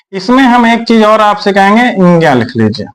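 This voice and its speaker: Slow, high-voiced male teacher. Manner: repetitive, drills syllables aloud; clears his throat often. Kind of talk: exam-prep grammar lesson.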